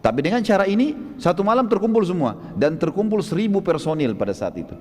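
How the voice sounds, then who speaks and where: A male preacher narrates a religious story with lively animation, speaking to the audience as friends. His voice sits a little high for a man. A long reverb trails each phrase, as from a large hall. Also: fast.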